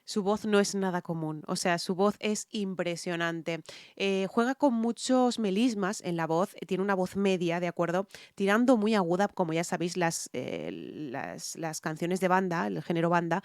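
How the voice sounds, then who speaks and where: A woman's voice: lowish voice, moderate pace, darkish tone, no room sound, clean studio sound. A woman from Spain with a Spanish accent, a singer chatting casually as she analyzes another singer's voice, explaining at length with frequent "eh" fillers. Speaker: singer reacting to music videos. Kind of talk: casual reaction and vocal analysis.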